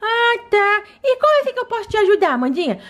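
A woman's voice: very high-pitched, big pitch swings, fast, fairly bright tone, full character voice. A woman voicing a bossy, exasperated older sister doll girl in a toy play video. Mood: patient. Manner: scolding, exasperated.

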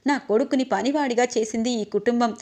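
An angry mother pressing for her son's due, emotional and insistent, read by a woman narrator. The voice sits fairly high. It stays close to the reader's own. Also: brisk, a little mellow, natural voice. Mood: indignant.

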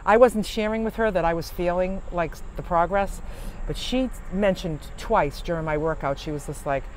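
Guy talking from his van at a rest stop, kinda high voice, rambly, faint traffic hum behind. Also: normal speed, low-quality recording. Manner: rambling, chatty, many fillers and restarts. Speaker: van-life vlogger. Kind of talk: casual chat to camera.

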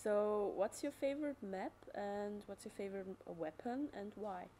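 Hesitant woman interviewer, mellow voice. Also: mid-range voice, normal speed, slight background noise. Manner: hesitant, apologizes and rephrases. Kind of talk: casual interview questions.

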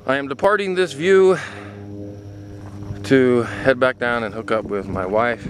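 A man's voice: medium pitch, measured pace, poor audio. A middle-aged man filming himself on a hike, talking casually and rambling to the camera as he walks on an open mountain top. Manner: relaxed, rambling, talks to camera while walking. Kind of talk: casual spoken hiking commentary. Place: outdoors on a windy mountain top. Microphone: handheld camera mic. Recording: loud wind noise on camera mic.

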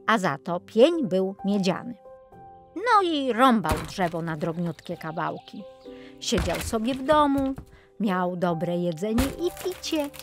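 In a medium-pitched voice, a woman tells a children's fairy tale, performing it expressively like an audiobook storyteller.

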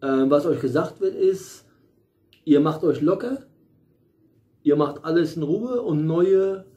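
A man's voice: on the high side, takes it slowly, warm tone. A middle-aged man giving a casual tarot reading at home, rambling with many fillers and restarts and the odd blunt aside. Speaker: tarot reader. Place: small room at home, in front of a bright window.

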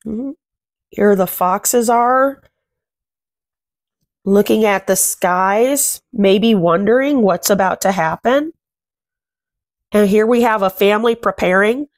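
In a small furnished room at home, a woman in her thirties reads a picture book aloud to children. Her voice is medium-pitched, and she comments and asks the young listeners questions in simple, deliberate phrases.

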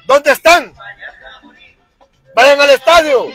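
A man's voice: very high voice, takes it slowly, a bit bright, faint music behind, low-quality recording. A man with a Honduran accent ranting as a football fan vlogger, fired-up and crude, repeating himself. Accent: Honduran Spanish. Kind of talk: angry fan rant to camera.

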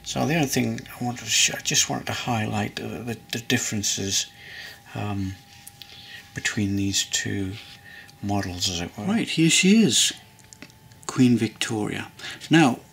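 Gravelly man narrating a hobby build. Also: fairly low pitch, animated, measured pace, fairly bright tone. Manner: rambling, hesitant with many ums and restarts. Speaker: model railway builder. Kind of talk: casual hobby tutorial narration. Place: hobby workbench indoors.

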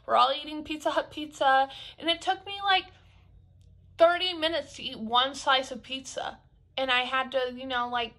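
Young woman vlogging with braces and an expander in, talks kinda funny, chatty, lots of likes and ums, clear bright voice. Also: sits high, fairly even intonation, moderate pace. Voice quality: slightly altered speech from the expander. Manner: chatty, rambling, with frequent "like" and "um". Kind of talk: casual chat to camera.

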